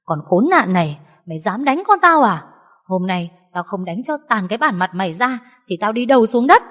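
A woman's voice: medium pitch, sing-song, fairly quick. A woman voicing a fierce, furious young wife in a reverberant recording. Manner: shouting angrily. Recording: long reverb.

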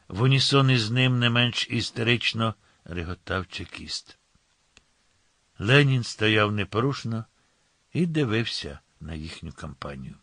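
A man narrating an audiobook in a measured, ironic storytelling manner. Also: on the low side, fairly bright tone, dry recording. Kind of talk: scripted narration.

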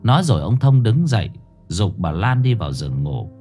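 A man narrating a ghost story in a dramatic, expressive way. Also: lowish voice, a little fast. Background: soft background music.

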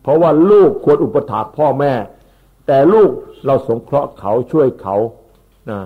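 Male Buddhist monk, unhurried sermon, repeats words, tinny phone-like sound. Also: mid-range voice, expressive, breathy edge. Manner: unhurried, explains Pali terms, repeats words. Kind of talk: Dhamma sermon.

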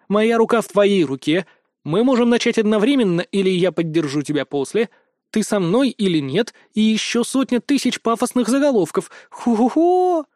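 A scheming young gossip reporter rattles on loudly and gleefully, pitched well above the reader's own voice, as a man puts her on. She is predatory and mocking, a storybook troublemaker. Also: dry recording, clean studio sound, natural voice. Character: cunning gossip girl reporter, predatory glee.

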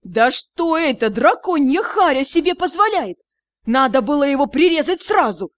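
A woman reading the part of a strict, quick-tempered female captain in an audiobook, with a sharp, scolding delivery. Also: fairly high pitch, no echo, lightly acted. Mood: indignant.

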